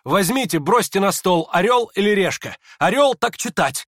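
A man voicing a feverish, sick young man who talks in a shrill, excitable rush in an audiobook reading. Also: unhurried, no echo, studio quality. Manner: excitable, shrill, laughing strangely.

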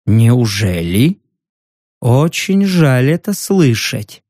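In an audiobook, a man plays a smug, threatening ex-dockworker who taunts his victim slowly. The voice drops low below the reader's usual tone, with a lively, sly lilt. The recording is close and dry. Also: dry recording, heavily acted. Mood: menacing. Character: menacing male ex-dockworker, smug, mocking. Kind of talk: audiobook narration.

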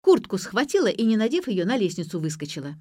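A brash, bossy young woman, acted by a woman reader, high and loud with blunt slangy retorts. Her audiobook lines land dry and close, with no room around them. She pushes and prods in every line. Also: sing-song, normal speed, no room sound. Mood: pushy. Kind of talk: audiobook character voice.

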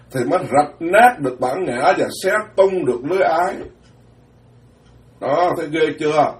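With a slightly high voice, this male monk delivers a dharma talk bluntly and plainly, trading fast asides for slow, heavy phrasing. The sound is roomy, picked up by a distant microphone.

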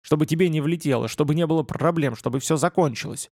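A man's voice: fairly high pitch, quick pace, a little mellow, no room sound, studio quality. A man voicing a furious, bitter young male writer who speaks in harsh, clipped outbursts, in an audiobook reading.

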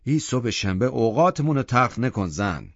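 A man's voice: medium pitch, expressive, no echo, pitched above the performer's own voice, lightly acted. A man voicing a stern middle-aged father who speaks curtly and firmly. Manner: curt, firm. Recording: dull lo-fi audiobook recording.

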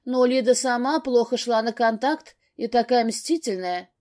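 A woman voicing an upset middle-aged mother who talks high and agitated in an audiobook. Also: lively intonation, normal speed, a little mellow, natural voice. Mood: bitter. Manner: raised, agitated. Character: upset older mother, sharp and bitter.

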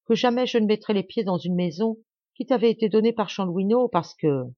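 A woman reading a bitter, vengeful young man with a grave, measured, menacing delivery. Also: mid-range voice, no room sound, voice pushed up, natural voice. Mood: cold menace. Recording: dull dry lo-fi audio.

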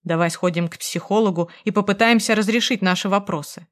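A woman reading the part of a cold, manipulative husband, speaking slowly and with measured pressure. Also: medium pitch, lightly acted. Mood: persuasive.

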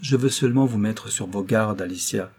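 A man reading the part of a cold, secretive young noblewoman who speaks in a grave, measured tone. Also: fairly low pitch, darkish tone, slightly rough.

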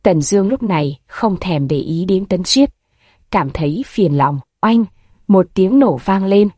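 A woman narrating a martial fantasy novel as an audiobook, at a steady, even storytelling pace. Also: mid-range voice, measured pace, husky, no room sound, studio quality.

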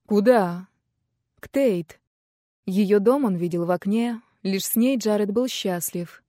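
A woman reading a first-person novel aloud in a quiet, measured, intimate way. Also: medium pitch, dry recording, studio quality. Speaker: audiobook narrator. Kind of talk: first-person audiobook narration.

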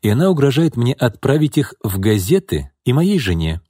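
A man voicing a drunken, pushy middle-aged businessman in an audiobook, needling, bitter and rising into angry shouts. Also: mid-range voice, very animated, normal speed, slightly rough, no echo, clean studio sound, voice pushed up. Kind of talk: audiobook character reading.

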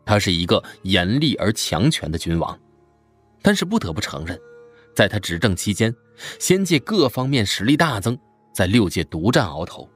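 A man narrating a fantasy web novel in an expressive storytelling style. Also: lowish voice, moderate pace, breathy edge, soft background music. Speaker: audiobook narrator.

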